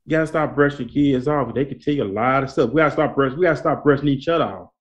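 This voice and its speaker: A man with a mid-range voice hosts a conversational, motivational preaching talk at a quick pace, repeating his points in a colloquial, preacherly way to urge listeners on. The audio sounds dull.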